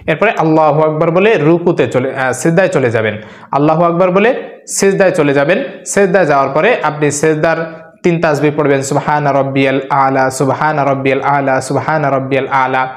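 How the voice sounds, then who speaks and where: A man with a fairly high voice walks listeners through the prayer steps in a calm, patient teaching manner. He recites Arabic prayers along the way. The recording has a roomy echo. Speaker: Islamic teacher. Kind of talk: religious instruction video.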